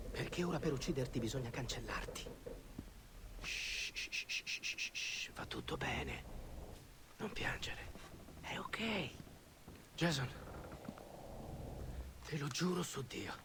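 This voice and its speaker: An actor playing a volatile, unhinged male pirate leader who taunts and erupts into shouting. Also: fairly high pitch, sing-song, unhurried, pauses often, whispered. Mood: whispered menace. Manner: menacing, erratic, swings into shouting. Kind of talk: game cutscene acting.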